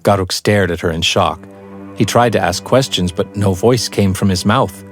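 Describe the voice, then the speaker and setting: A man narrating a fantasy audiobook in a measured, even storytelling voice. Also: deep voice, soft background music.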